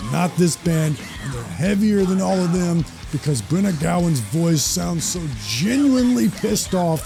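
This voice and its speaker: Man, gravelly voice, mellow dark tone, casual album review, enthusiastic. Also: on the high side. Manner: enthusiastic, joking. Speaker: host.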